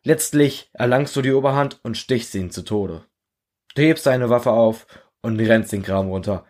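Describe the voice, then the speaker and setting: A man reading his own short story aloud in a measured, earnest second-person storytelling voice. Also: mid-range voice, a little mellow. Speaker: narrator.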